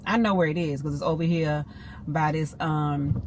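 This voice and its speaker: A woman's voice: deep voice, fairly even intonation, normal speed. A woman, vlogging in a casual chat from her car and talking straight to her viewers. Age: 50s. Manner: chatty, talks straight to viewers as "y'all" and "girl". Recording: noisy car ambience.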